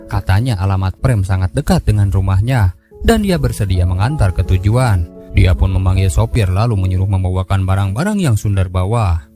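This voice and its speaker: A man giving a scripted storytelling narration of a film recap. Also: low voice. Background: background music.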